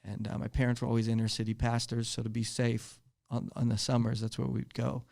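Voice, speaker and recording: A man from Philadelphia shares his testimony as a podcast guest, speaking earnestly and candidly. His mid-range voice has a gravelly, fry-laced texture. He tells it like a storyteller in relaxed conversation. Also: medium pitch, fairly quick. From Philadelphia, USA. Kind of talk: personal testimony in casual conversation.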